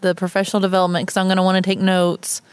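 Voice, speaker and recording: Brief: woman co-host, bubbly casual chat full of fillers, mid pitch, dry. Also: completely flat delivery, racing, clear, resonant tone, no echo. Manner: bubbly, says "like" constantly, laughs often. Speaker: podcast co-host.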